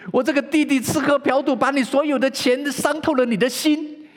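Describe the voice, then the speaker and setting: A sulking elder son who feels wronged pours out his grievances to his father, as a preacher acts him out in a sermon. His voice swings widely and is a little husky. A long reverb trails each phrase. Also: medium pitch, big pitch swings, normal speed, a little mellow. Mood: outraged. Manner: aggrieved, pleading, rising to outraged.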